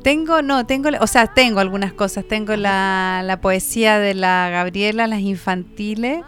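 A woman's voice: mid-range voice, moderate pace, a bit bright, soft background music. A Chilean woman hosting a radio show, chatting casually and affirming her co-host.

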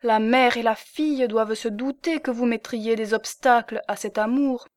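A woman reading an audiobook, voicing a scheming young married woman who talks in a coaxing, lively way. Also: fairly high pitch, moderate pace, no room sound, close to an everyday voice. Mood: probing.

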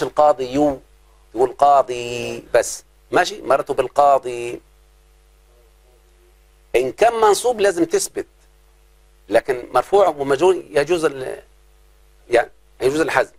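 An Egyptian-accented man with a slightly high voice leads a class through an Arabic grammar lesson. He keeps pausing to quiz his students and draws out his example phrases.

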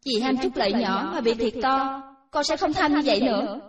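A woman voicing an excitable, remorseful young female cashier in her twenties. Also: high-pitched, normal speed, dull audio, voice pushed up, natural voice. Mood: earnest. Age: 20s. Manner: excitable, exclaiming, pleading. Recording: roomy echo, distant from mic.

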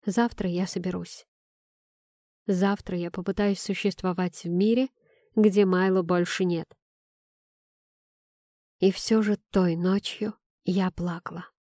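A woman reading a first-person novel aloud in a calm, measured, emotional way. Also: on the low side, no echo, studio quality. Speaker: audiobook narrator. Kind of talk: first-person audiobook narration.

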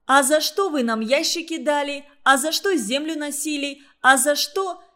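Shrill fussy little girl, as a woman reads her. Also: moderate pace, a bit bright. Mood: shrill indignant. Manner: shrill, insistent, whiny. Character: shrill fussy young girl, self-righteous.

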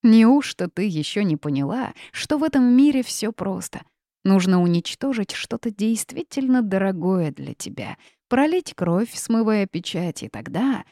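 A woman's voice: mid-range voice, very animated, measured pace, dark tone, no room sound, clean studio sound. A woman voicing an old, bitter, half-mad female witch who cackles and wails in an audiobook. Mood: scornful. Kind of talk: audiobook character reading.

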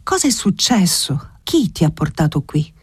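A man's voice: fairly high pitch, sing-song, normal speed, slightly rough, no room sound, heavily acted. A man reading an audiobook voices an awkward, kindly older guardian who fusses gallantly with dry humour. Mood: fussing.

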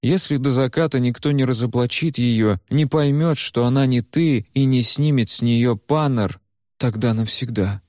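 A man voicing a protective male fire spirit in a measured, steady way. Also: mid-range voice, no room sound, clean studio sound, lightly acted. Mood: grave. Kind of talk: audiobook character voice.

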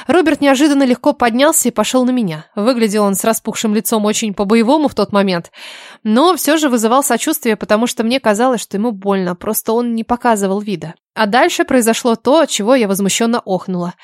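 A woman narrates a first-person novel, reading the heroine's own lines with expression. Her voice sits fairly high. The recording is close and dry, with no room sound. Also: fast, no room sound. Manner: expressive, indignant in dialogue. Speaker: audiobook narrator.

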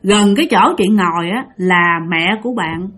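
A woman's voice: fairly low pitch, moderate pace, fairly bright tone. A woman telling a ghost story, chatty and emphatic, and talking straight to her listeners. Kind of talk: ghost story narration to an audience.

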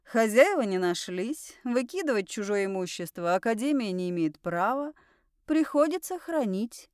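A woman's voice: on the high side, big pitch swings, normal speed, a little mellow, clean tone, dry recording, studio quality. A woman reading an audiobook voices a cocky young man who drawls his lines with irony. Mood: teasing. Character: young handsome man, smug and teasing.

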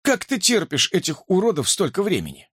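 A man's voice: high-pitched, wildly swooping pitch, brisk, a bit bright, breathy edge, dry recording, clean studio sound, pitched above the performer's own voice, exaggerated voice. A man voicing a shrewd older cowboy detective who coaxes with a raised, overly friendly tone. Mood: coaxing.

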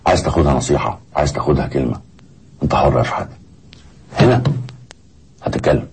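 A cold, low-voiced interrogator. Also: male voice, fast talker, a little mellow, slight background noise. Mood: menacing. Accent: Egyptian. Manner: cold, threatening. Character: stern male security interrogator, menacing, controlled.

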